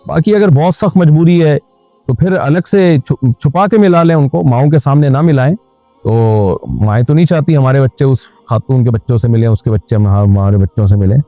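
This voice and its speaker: Plain-spoken scholar on a tinny line. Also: male voice, mid-range voice, a little fast, no room sound. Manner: direct, advisory, plain-spoken. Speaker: Islamic scholar answering questions. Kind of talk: question-and-answer religious advice. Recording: tinny phone-like sound with faint music.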